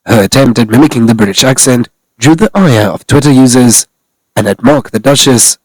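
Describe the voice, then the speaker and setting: Husky-voiced man reading a news script. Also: mid-range voice, a little fast, darkish tone, dry recording, low-quality recording. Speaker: commentary channel narrator. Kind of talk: scripted narration read from articles.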